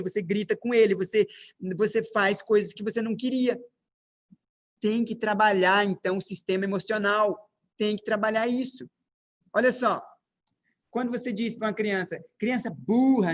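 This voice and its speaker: A man's voice: high voice, slight background noise. A Brazilian man with a Brazilian Portuguese accent gives a lecture on parenting, asking his audience many rhetorical questions and stressing his points with emphasis. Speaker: parenting speaker. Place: lecture room with slides.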